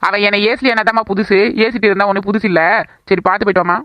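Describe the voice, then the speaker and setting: Woman doing a fast-talking young mom. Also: medium pitch, steady tone, fairly bright tone, no echo, lightly acted. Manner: chatty, gossiping. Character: tired young mother rocking a crying baby. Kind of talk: cartoon voice acting.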